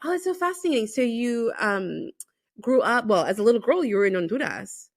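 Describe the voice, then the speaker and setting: This Los Angeles woman hosts a podcast in a casual conversational interview, her fairly high voice sing-song and brisk. She eagerly affirms her guest with lots of enthusiastic backchannels, and crowd noise sits behind her.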